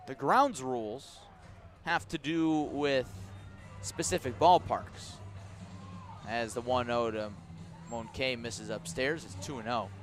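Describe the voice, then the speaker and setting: At an outdoor ballpark at night, a medium-pitched man calls live radio play-by-play for a team's baseball broadcast, mixing measured calls with explanatory asides and dry understatement. Soft music plays in the background.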